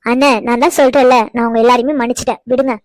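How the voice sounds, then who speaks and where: A woman's voice: a little high, steady tone, rapid-fire, dry recording, natural voice. A woman voicing a grown sister in a cartoon, who scolds and teases her brothers with affection. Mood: scolding. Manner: scolding, teasing. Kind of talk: cartoon voice acting.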